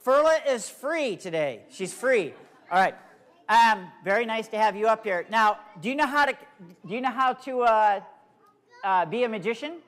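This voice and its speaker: A man's voice: high voice, animated, normal speed, a bit bright. Playful man, a kids' stage magician. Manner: playful, coaxing showman addressing small children in simple phrases. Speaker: children's comedy magician. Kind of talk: live stage show patter for kids, talking to volunteers and audience.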